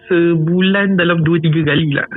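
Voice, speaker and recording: In a slightly high, steady voice at normal speed, a Malaysian man casually narrates a frightening experience as a guest storyteller. He's chatty, tends to repeat phrases, and laughs quietly throughout. The phone-like, tinny recording has soft music underneath.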